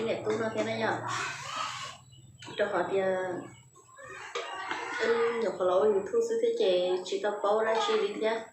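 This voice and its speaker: A woman vlogger chatting casually while cooking at home. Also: mid-range voice. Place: home kitchen. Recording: echoey, distant, noisy home recording.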